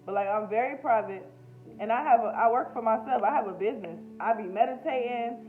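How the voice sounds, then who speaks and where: This American YouTube host and spiritual healer talks fairly quickly in a rather high voice, unscripted and candid in her personal vlog. Her speech is emotional, slangy and heavy on profanity. The recording sounds narrow and tinny, with soft music behind her.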